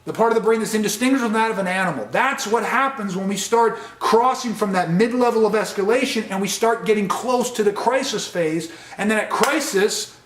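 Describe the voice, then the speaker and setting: A man's voice: high-pitched, fairly bright tone, reverberant. A man teaching a de-escalation training session, speaking earnestly and stressing key points. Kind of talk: training lecture.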